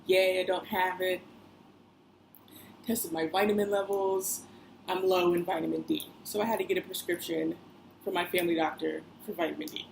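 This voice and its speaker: A woman's voice: lowish voice, fairly even intonation, normal speed, gravelly, rough recording. A young woman vlogging in a chatty, rambling way, full of fillers and side remarks. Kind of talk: casual personal vlog. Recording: faint background noise.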